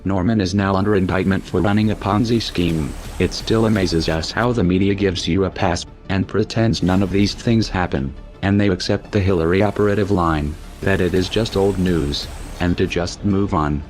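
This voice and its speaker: Man in a disguised deep voice. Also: fairly even intonation, darkish tone, soft background music. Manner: cold, measured, menacing. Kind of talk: scripted threatening statement.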